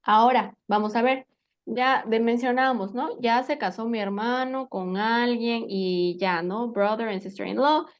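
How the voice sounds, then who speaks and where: A woman's voice: fairly high pitch, measured pace. A woman teaching an English vocabulary lesson, patiently quizzing her student and checking in with frequent tag questions.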